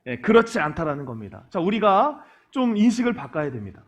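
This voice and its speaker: A man preaching a sermon to young adults as their pastor, lively, asking the congregation questions, acting out quoted lines and dropping joking asides. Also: high voice, fairly quick.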